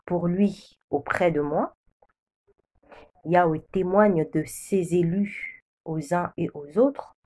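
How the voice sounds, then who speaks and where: A woman preacher from the DR Congo shares a prophecy in a warm, fairly low voice. She takes it slowly and pauses often, repeating her solemn declarations as she testifies.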